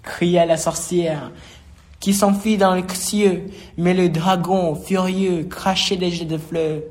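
A man reading a rhymed children's storybook aloud, slow and expressive. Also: sits high.

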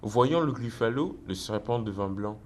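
A man narrating a children's storybook in a steady, measured way. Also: lowish voice. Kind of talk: storybook reading aloud.

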